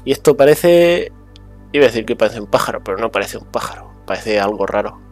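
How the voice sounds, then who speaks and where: A man from muses aloud, full of restarts and little fillers. He drifts between a hushed murmur and a brighter, livelier tone. Faint music plays underneath. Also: fairly low pitch, expressive, brisk. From Spain. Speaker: vlogger. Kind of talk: rambling casual monologue.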